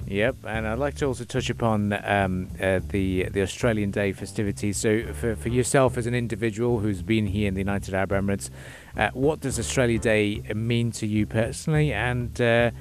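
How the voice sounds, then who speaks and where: A man hosting a conversational interview, phrasing his questions hesitantly with frequent pauses mid-sentence. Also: fairly low pitch, fairly even intonation, faint music behind. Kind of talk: conversational radio-style interview.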